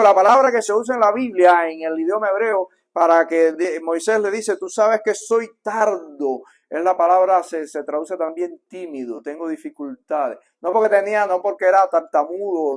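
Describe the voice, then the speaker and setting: A man with a Cuban accent preaching a sermon as a pastor, talking to the congregation in a conversational way and acting out the quotes. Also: high voice. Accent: Cuban Spanish. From Cuba. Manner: conversational preaching, acts out quotes softly then builds in volume. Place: church sanctuary.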